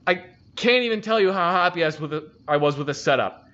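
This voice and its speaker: A man with a slightly high, bright, forceful voice tells a rambling army story in a casual, profane way, acting out the people he quotes. The audio sounds dull and lo-fi, like a home stream. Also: lively intonation, quick pace. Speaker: army veteran telling stories.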